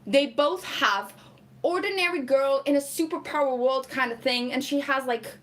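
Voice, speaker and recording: At a normal speed and with a high-pitched, slightly bright voice, a young Portuguese woman chats casually on a live stream. English isn't her first language, and she reads comments, laughs a lot and uses "like" as a frequent filler.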